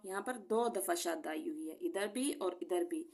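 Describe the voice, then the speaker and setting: A woman teaching a Quran recitation lesson. She explains each sound patiently, then recites the words slowly and clearly. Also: on the low side, a little mellow.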